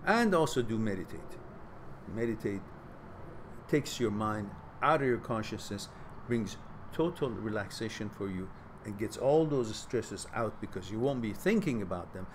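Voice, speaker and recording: A man's voice: on the low side, expressive, normal speed, background noise. A middle-aged man hosting a live question-and-answer stream, giving reflective advice and reading out viewers' messages. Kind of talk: casual live advice talk.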